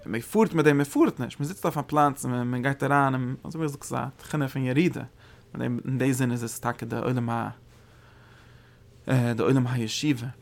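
A Torah teacher gives a religious study lecture in a gravelly, mid-pitched voice, speaking in halting bursts. He repeats words and restarts phrases, and now and then his voice rises sharply high when he stresses a point.

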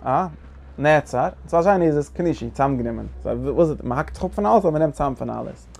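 A man's voice: a little high, lively intonation, quick pace, gravelly, a little mellow. A man giving a Torah lecture, asking rhetorical questions and restarting phrases often. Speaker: Torah teacher.

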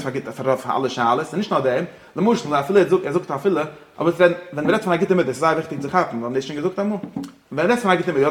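A man teaching a religious-philosophy lesson, talking rapidly and repeating himself, dropping English phrases into his explanations. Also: fairly high pitch. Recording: echoey room.

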